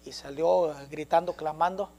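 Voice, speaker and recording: A man interpreting a sermon live, quickly following the preacher's rises and falls, with some restarts. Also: on the high side, fairly even intonation, mellow, slight background noise.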